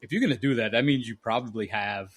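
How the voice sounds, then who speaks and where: A man's voice: mid-range voice, fast talker, husky. A man co-hosting a casual podcast who chimes in with dry wisecracks. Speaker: podcast co-host. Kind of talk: casual chat.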